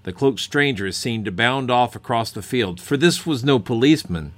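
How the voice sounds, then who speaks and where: A man's voice: mid-range voice, animated, moderate pace, slight background noise. A man hosting a science podcast, narrating from a script like a curious storyteller.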